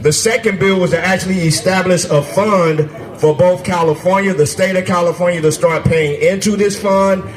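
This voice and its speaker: A man running for office giving a conversational, forceful stump speech to a crowd at an outdoor festival. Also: high-pitched, steady tone, normal speed, rough recording. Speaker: candidate for state assembly. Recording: music playing behind the speaker.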